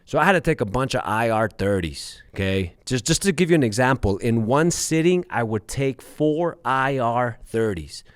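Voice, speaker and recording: A man's voice: medium pitch, animated, normal speed, few pauses, clean tone, no echo, studio quality. A man in his thirties hosting a show, telling a personal story to his listeners in a candid, profane way and calling them guys. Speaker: podcast host.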